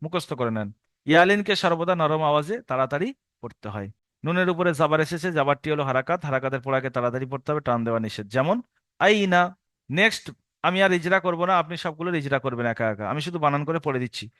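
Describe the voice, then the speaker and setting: A man's voice: fairly high pitch, expressive, fast talker, fairly bright tone, no echo, studio quality. A man teaching Quran reading to adults in a recorded lesson. He patiently repeats each rule for learners to memorize and draws out the syllables as he spells them.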